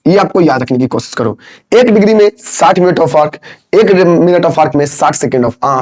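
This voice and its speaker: High-voiced teasing physics teacher. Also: male voice. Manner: teasing and scolding, repeats phrases many times. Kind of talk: classroom lesson. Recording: dull lo-fi sound.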